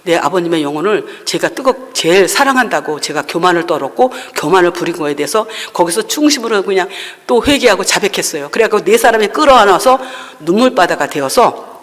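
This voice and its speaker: A woman's voice: on the low side, lively intonation, brisk. A woman pastor delivering a sermon testimony in a church, telling the story earnestly and repeating phrases for emphasis. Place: church sanctuary. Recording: long church-hall reverb.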